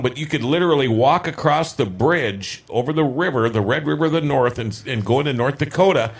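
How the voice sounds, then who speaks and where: A man from Minnesota co-hosts a studio talk show. His pitch sits in an ordinary middle range, and he talks in a loose, rambling, joking way with the others in the room. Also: husky. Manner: chatty, rambling, quick to joke. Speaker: radio show host. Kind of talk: casual studio chat.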